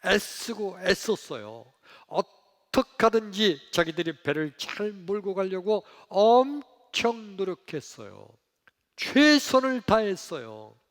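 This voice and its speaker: A male pastor preaching a sermon in a church, telling the story dramatically, acting out voices and swinging between loud outbursts and hushed lines. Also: sits high, sing-song, takes it slowly. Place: church sanctuary. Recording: long hall reverb.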